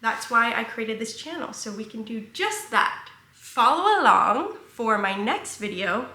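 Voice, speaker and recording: A young woman chats playfully with her viewers in a home vlog, confiding and upbeat. Her voice is bright and sits a little high. The sound bounces around an echoey room in her apartment. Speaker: vlogger.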